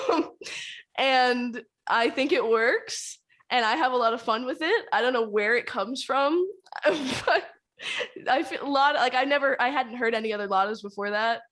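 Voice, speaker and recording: High-voiced laughing woman from New Jersey. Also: lively intonation, a little slow, a bit bright. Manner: laughing, candid and self-mocking. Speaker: musical theatre actor on a cast panel. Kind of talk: casual chat.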